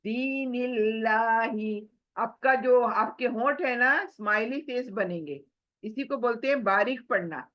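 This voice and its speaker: A woman teaching Quran recitation rules slowly, drawing out syllables and answering her own questions. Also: on the high side, animated, dull audio. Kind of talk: slow tajweed lesson, spoken and recited.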